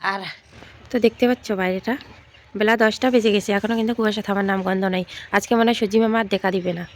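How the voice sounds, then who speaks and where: A woman's voice: mid-range voice, steady tone, quick pace. A woman in her thirties, a mother, chatting casually to her viewers in a home vlog. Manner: chatty, talks straight to viewers. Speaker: vlogger, mother. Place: home, indoors.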